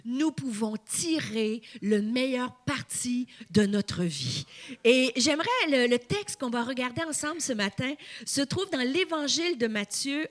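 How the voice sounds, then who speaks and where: A woman in her fifties preaching with a Québécois accent. Her voice sits high and rings bright and forceful. She speaks with emphasis and keeps calling on the congregation to answer her. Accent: Québécois French. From Quebec. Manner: emphatic, calls on the congregation to respond. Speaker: guest preacher. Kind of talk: sermon.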